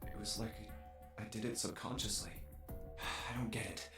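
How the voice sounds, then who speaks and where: A man's voice: lowish voice, moderate pace, reverberant, far from the mic, music in the background, close to an everyday voice. A man voicing a puzzled, frustrated young man in a video game, asking question after question.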